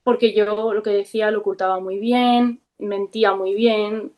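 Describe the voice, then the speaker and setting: Woman w/ a spain spanish accent opening up in an interview, frank and reflective, little pauses and ums here and there. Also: mid-range voice, level tone. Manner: frank, reflective, with soft hesitations. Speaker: interview guest. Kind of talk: candid personal storytelling.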